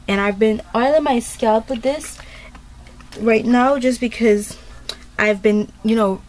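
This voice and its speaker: A woman's voice: fairly high pitch, slow, darkish tone. Chatty woman rambling through a tutorial. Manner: chatty and rambling, many fillers. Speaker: beauty vlogger. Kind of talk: casual hair tutorial.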